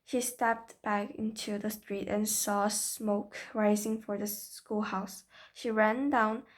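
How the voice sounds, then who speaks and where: A woman's voice: medium pitch, little pitch movement, slow. A woman, a native Korean speaker, reading a novel aloud in English carefully, correcting her slips. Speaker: reader.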